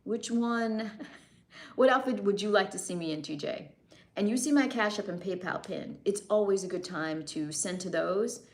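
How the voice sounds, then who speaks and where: Her mid-range voice moving at a moderate pace, a chatty young American streamer laughs often while casually answering her chat's comments.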